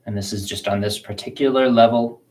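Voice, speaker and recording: A man teaching a qigong self-massage class, guiding listeners slowly and gently through the practice. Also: medium pitch, low-quality recording. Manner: slow, calm, gentle guiding talk. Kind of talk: guided self-massage instruction.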